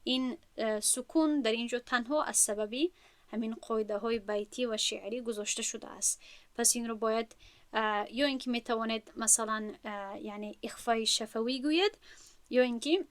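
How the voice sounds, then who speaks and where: A woman teaching Quran recitation rules, explaining patiently and slowly drawing out the recited examples. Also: a little high, no room sound. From Central Asia.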